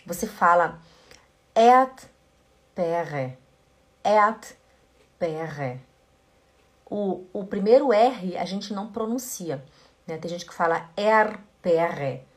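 A woman teaching German pronunciation in a casual video lesson, patiently repeating each word slowly. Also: mid-range voice.

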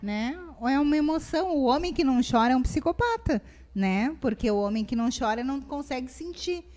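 Woman therapist, high voice, explanatory, acts out quotes. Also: lively intonation, brisk. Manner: warm explanatory, acts out parent and child quotes. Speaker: family therapist guest. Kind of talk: casual talk-show advice.

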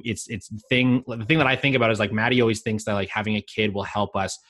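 A man's voice: lowish voice, fairly even intonation, fast, a bit bright, no room sound, studio quality. A man in his late twenties co-hosting a podcast, rambling casually with lots of filler words and easy laughs. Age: late 20s. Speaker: podcast co-host. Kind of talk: casual chat.

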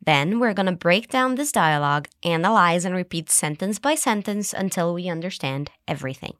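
A woman hosting an English lesson podcast, cheerful, modeling phrases slowly for listeners to repeat. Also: lowish voice, expressive, fairly bright tone, no room sound, studio quality. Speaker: English teacher and podcast host. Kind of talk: scripted language lesson.

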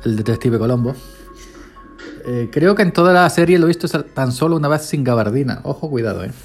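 Chatty farmhand podcaster. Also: male voice, medium pitch, expressive, a little fast, soft background music. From Spain. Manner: chatty, eats while talking. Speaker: podcast host, farm day laborer. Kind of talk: casual rambling podcast monologue.

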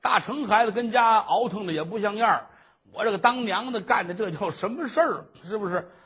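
Guy putting on a husky loud old lady, begging forgiveness all fawning, swoopy high voice. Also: lively intonation, a little fast, dull audio, full character voice. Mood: hearty. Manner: loud exclaiming, fawning apologies. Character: fussy remorseful old mother-in-law.

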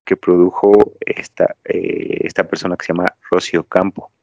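The Mexican host's voice sits low and creaky with a darkish tone and little pitch movement, at a moderate pace and without room sound. He chats casually on his podcast, storytelling and rambling off on tangents, in dry, somewhat dull lo-fi audio.

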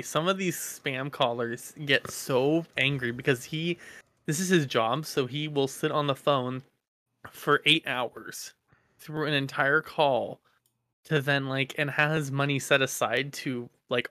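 Bright, excitable man. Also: medium pitch, dry recording. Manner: animated, excitable storyteller. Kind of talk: casual chat.

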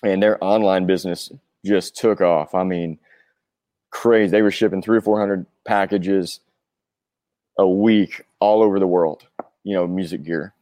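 Unhurried and warm, a low-pitched man in his forties speaks with fairly even intonation as a guest in a casual chat, reflecting earnestly and rambling through personal thoughts. He is a touring rock drummer, and the studio-quality recording has no room sound.

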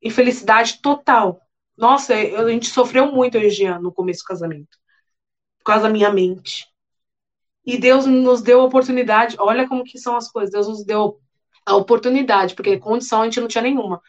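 A young adult woman preaching, telling a personal testimony in an earnest, animated way with many repetitions. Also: on the high side, fairly quick. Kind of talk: emotional testimony sermon. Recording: dull lo-fi sound.

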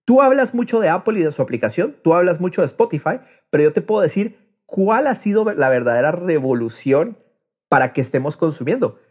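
With a sing-song, slightly mellow voice that sits a little high, a Latin American podcast host talks a little fast. His chat is casual and expressive, and he often repeats words as he thinks aloud.

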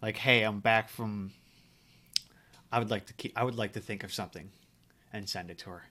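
A man with a lowish voice, hosting a podcast in easygoing, casual chat. He keeps his remarks short and jokey, mostly reacting to others. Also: fairly even intonation, moderate pace, sharp tone. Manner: laid-back, short reactions and quips. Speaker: podcast host.

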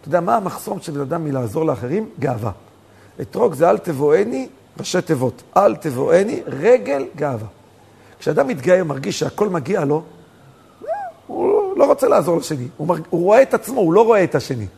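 A man, a rabbi, telling stories in a sermon, swinging from soft talk to emphatic outbursts. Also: a little high, big pitch swings, gravelly, breathy edge. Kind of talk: storytelling sermon.

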